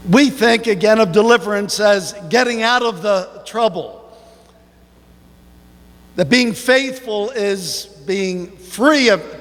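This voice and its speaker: A man preaching a sermon as pastor, slow and emphatic, with sudden rises in pitch. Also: fairly bright tone, big-room sound. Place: church sanctuary.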